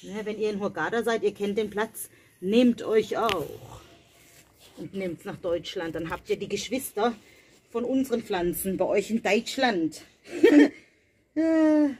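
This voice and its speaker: A woman's voice: medium pitch, unhurried, darkish tone, slight background noise. A woman vlogging casually to her viewers while planting in a garden at night, talking to them directly. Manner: chatty, addresses viewers directly. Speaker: vlogger, mother. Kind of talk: casual family vlog.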